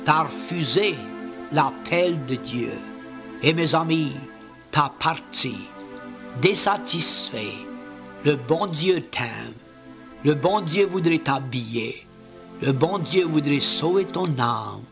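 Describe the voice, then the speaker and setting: A man's voice: fairly high pitch, animated, takes it slowly, over music. A man from Louisiana with a Cajun French accent, preaching an evangelistic sermon as plain, folksy Bible storytelling with earnest appeals.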